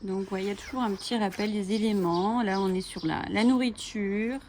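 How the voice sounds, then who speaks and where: A woman's voice: mid-range voice, fairly even intonation, moderate pace, a little mellow, slight background noise. Chatty, enthusiastic woman vlogger. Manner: chatty and enthusiastic, with frequent fillers. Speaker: coloring channel host. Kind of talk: casual book flip-through. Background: bird chirping.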